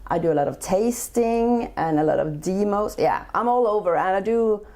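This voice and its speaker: Animated and medium-pitched with a dark tone, her voice moves at a normal pace. She's a Norwegian woman in her forties, a chef and entrepreneur, answering interview questions in accented English with frequent hesitation and lots of filler sounds.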